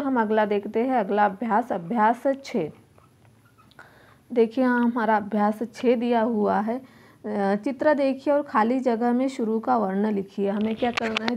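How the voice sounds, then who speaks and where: Slow, patient woman teaching letters. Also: fairly high pitch, gravelly, a little mellow. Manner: slow, patient, sounds out each letter aloud. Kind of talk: primary school lesson walkthrough.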